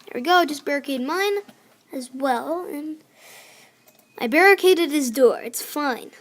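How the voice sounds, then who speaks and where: High-voiced girl narrating her game. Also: animated, measured pace. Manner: chatty, scolding her game villagers. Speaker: gamer. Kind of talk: casual gameplay commentary. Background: faint music from a clarinet.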